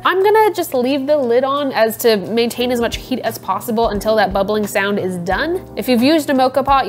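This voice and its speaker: Playful, chatty young woman with a higher voice. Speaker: coffee video host. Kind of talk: casual product-review vlog.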